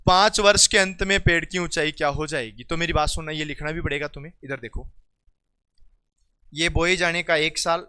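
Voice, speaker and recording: A male classroom teacher with a Rajasthani accent and a bright, crisp, clear voice. He teases and coaxes his students by name, calling out loudly, then drops lower to explain problems step by step. The sound is dry and close. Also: steady tone, moderate pace, no echo. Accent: Rajasthani Hindi. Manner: teasing, coaxing students by name; loud calls to class, then quieter explaining. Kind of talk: classroom lesson.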